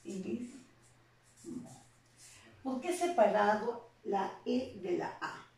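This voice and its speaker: A woman teacher with a Peruvian Spanish accent, explaining a lesson slowly and deliberately, often asking rhetorical questions. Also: medium pitch, lively intonation, creaky, a little mellow, distant mic. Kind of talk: classroom lesson. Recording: very echoey room, voice off-mic.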